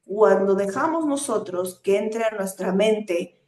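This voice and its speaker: Slow, earnest woman preaching in an echoey room. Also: mid-range voice, a little mellow, a little hiss or hum. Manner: earnest teaching with rhetorical questions; hesitant fillers between phrases. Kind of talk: sermon.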